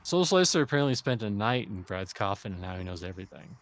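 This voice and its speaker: A man hosting a casual gaming stream chat, talking in a deadpan, droll way. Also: on the low side, quick pace, a little hiss or hum. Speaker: streamer and host.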